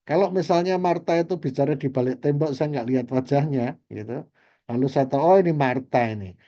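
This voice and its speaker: A man's voice: on the high side, a little fast, warm tone. Man lecturing on a muffled video call. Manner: explanatory, repeats key terms with "gitu ya". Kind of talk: online class lecture.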